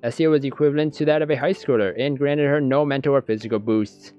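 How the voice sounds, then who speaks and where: Over gentle guitar background music, a man reads a visual novel aloud for his gaming channel, his medium-pitched voice clear and resonant. When he reacts off the cuff in this let's play, his asides stumble and stammer, and the recording sounds dull and slightly lo-fi.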